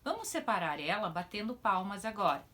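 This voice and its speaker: A woman teaches a children's class at a middle pitch. She talks to young pupils in a patient, sing-song way. She slows right down to draw words out syllable by syllable. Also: big pitch swings, a bit bright. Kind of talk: children's lesson.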